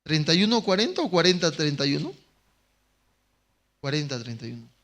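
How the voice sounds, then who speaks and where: A male pastor with a Bolivian Spanish accent preaching a sermon, talking with the congregation through constant questions, dropping to soft asides and then rising to loud emphatic lines. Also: on the high side, sing-song, brisk.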